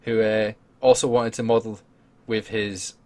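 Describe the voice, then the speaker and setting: A man hosting a casual podcast chat, jokey and quick to laugh. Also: on the low side, level tone, darkish tone. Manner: giggly, jokey, laughs often. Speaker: podcast host.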